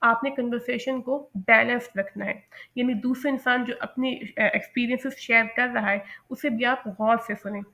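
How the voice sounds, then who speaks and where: A woman's voice: a little high, fairly even intonation, pushed and bright. Woman teaching English phrases. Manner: slow, careful enunciation of English example sentences. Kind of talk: lecture explaining English phrases.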